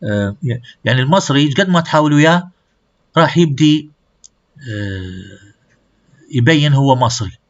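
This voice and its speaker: A man teaches a class at a middle pitch, stepping through examples as he moves between two languages. The recording is dull and a little lo-fi. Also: animated, normal speed, pauses often. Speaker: language lecturer. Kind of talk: classroom lecture mixing Arabic and English.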